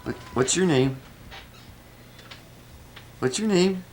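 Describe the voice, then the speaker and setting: A man's voice: a little high, expressive, takes it slowly, a little mellow, a little hiss or hum. A father filming a home video with the camcorder, chatting with and coaching his children in a casual, coaxing way, heard through old camcorder audio. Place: family home, indoors. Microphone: camcorder microphone.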